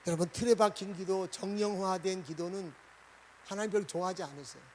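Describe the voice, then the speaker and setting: A man preaching a Sunday sermon as pastor, asking the congregation questions and swinging between loud and soft. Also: high-pitched, brisk, slight background noise, low-quality recording.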